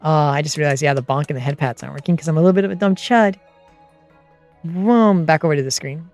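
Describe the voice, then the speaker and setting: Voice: mid-range voice, quick pace, darkish tone, soft background music. A streamer and game master of unclear sex chatting casually and explaining tabletop game rules in a rambling way.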